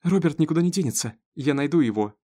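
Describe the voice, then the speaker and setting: A male narrator voicing a frantic, anxious farm wife who turns sharp and commanding. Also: mid-range voice, quick pace, voice pushed up, close to an everyday voice. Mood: firm.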